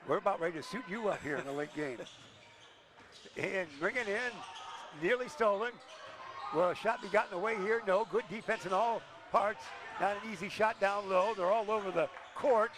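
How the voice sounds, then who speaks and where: An older man calling high school basketball play-by-play with rapid, excited calls and chatty asides in a school gym. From Illinois. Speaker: play-by-play announcer.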